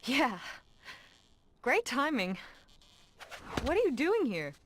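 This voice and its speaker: High-voiced, guarded young woman. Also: big pitch swings, slow, full character voice. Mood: guarded, wry. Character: young woman, the hero's wistful old flame, guarded. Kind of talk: video game voice acting.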